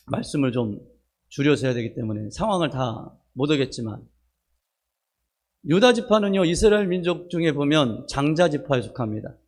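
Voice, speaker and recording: Pastor guy, kinda high voice, chatty sermon, keeps asking the crowd for amen. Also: big pitch swings, normal speed. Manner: conversational preaching with personal stories and calls of "amen?" to the congregation. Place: church worship service.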